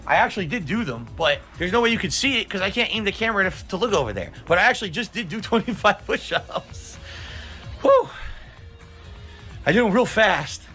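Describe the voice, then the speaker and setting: A man's voice: high voice, lively intonation, brisk, sharp tone, soft background music. A man talking bluntly and combatively as a streamer, in casual livestream talk. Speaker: video game streamer.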